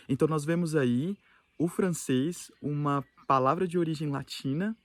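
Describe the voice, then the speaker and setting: A man's voice: on the high side, no echo. Brazilian man explaining English words. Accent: Brazilian Portuguese. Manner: explains word differences plainly, mixing in English examples. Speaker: YouTuber. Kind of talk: casual explanatory vlog.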